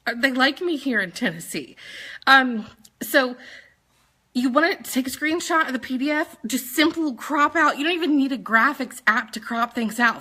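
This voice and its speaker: A woman in her thirties from Maryland, speaking with a Southern accent, giving a chatty, animated training talk to her sales team and laughing often. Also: sits high. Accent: Southern US, put on when talking fast. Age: 30s. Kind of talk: casual live training talk.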